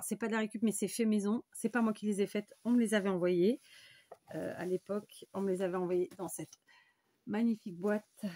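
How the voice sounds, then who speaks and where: A woman's voice: medium pitch, darkish tone, a little hiss or hum. A woman hosting a crafting tutorial, talking viewers through each step in a chatty way and thinking aloud as she works. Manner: chatty, thinks aloud with frequent fillers and "voilà".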